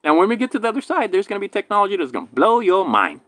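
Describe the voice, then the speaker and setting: A man from Hawaii with a slight lisp from a damaged tooth, rambling through a casual monologue, swinging between loud emphatic bursts and low mutters. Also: huge pitch swings, racing, no echo. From island in Hawaii. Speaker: vlogger.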